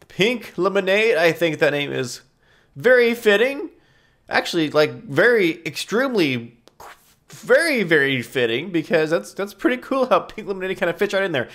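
A young gaming YouTuber casually comments on his game, rambling, correcting himself and giggling a little. His fairly high, slightly bright voice sounds stuffed-up and nasal from a congested nose.

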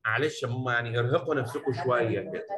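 A man with an Egyptian Arabic accent teaching a poetry lesson in a classroom, talking affectionately to his students and mixing Arabic with slowly read English lines. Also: mid-range voice, reverberant, a crowd in the background, rough recording. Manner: affectionate, addresses students as "habibi" and "baba"; mixes Arabic explanation with slow English reading.

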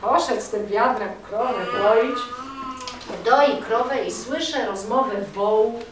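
A woman's voice: on the high side, measured pace, a little hiss or hum. A woman performing folk tales live, chatting directly to the audience. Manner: lively, chatty, addressing the audience. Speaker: storyteller. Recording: echoey room from a distance with audience.

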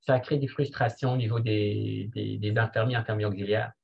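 A man presenting at a seminar, walking slowly through numbers about operating room staffing and hesitating often as he goes. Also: on the low side, steady tone, creaky, highs cut off. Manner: slow and deliberate, working through figures with hesitations.

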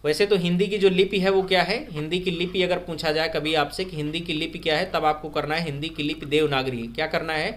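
A man teaching a live online grammar quiz, repeating each question and urging viewers to comment their answers fast. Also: on the high side, steady tone, a bit bright. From India. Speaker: online exam-prep teacher. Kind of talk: live-stream Hindi grammar quiz lesson.

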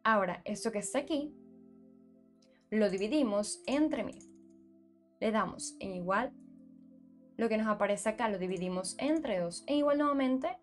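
A woman hosting her own channel, narrating a screen-recorded tutorial and calmly walking viewers through numbers step by step. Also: mid-range voice, moderate pace, long pauses, soft background music. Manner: steady, explanatory, walks through numbers step by step. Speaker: YouTube channel host.

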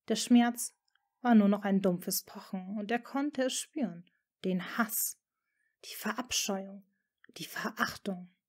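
A woman's voice: medium pitch, warm tone. A woman reading a fan-fiction story aloud as dramatic audiobook narration.

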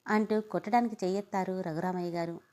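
A woman narrating a family drama story aloud in a steady, even way. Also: on the low side, quick pace.

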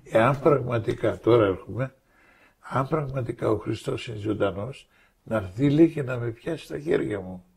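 An older man tells his faith testimony in a gravelly, husky voice with a dark, mellow tone. He brings his story to life by acting out the dialogue of the people in it with shifting voices. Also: medium pitch. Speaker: guest giving a faith testimony.

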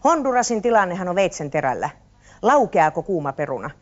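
Woman, tv co-host, dry mock-formal delivery, lowish voice, dull old broadcast sound. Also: big pitch swings. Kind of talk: scripted TV hosting. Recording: dull 1970s TV audio.

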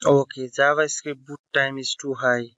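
A man's voice: medium pitch, flat delivery, moderate pace, pushed and bright, smooth, no echo, muffled recording. A man narrating a screen-recording tech tutorial, explaining step by step with fillers and self-corrections.

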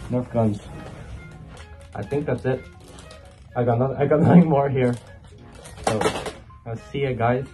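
A man's voice: mid-range voice, steady tone, measured pace, pauses often, dark tone, faint music behind. A young man vlogging in a fursuit, talking from inside the costume head in a rambling, hesitant, goofy way. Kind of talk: casual vlog chat. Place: bedroom indoors.

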